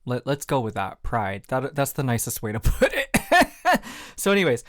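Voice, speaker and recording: A man's voice: mid-range voice, huge pitch swings, normal speed, no room sound, studio quality. A man hosting a solo podcast, talking in a reflective, candid, self-deprecating way with lots of fillers. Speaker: podcast host.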